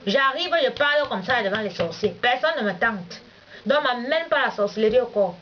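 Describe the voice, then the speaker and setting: A woman's voice: fairly high pitch, expressive, moderate pace. Scolding woman in her thirties. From Cameroon. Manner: heated, repetitive, scolding. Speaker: vlogger. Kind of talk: confrontational monologue addressed to a rival. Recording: dull lo-fi recording with faint hiss.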